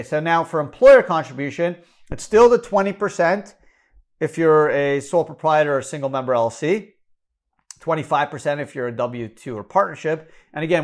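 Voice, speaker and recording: A man with a Canadian accent explaining retirement contribution limits, brisk and number-heavy, correcting himself as he goes. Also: fairly high pitch. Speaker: financial educator. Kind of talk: explanatory talk.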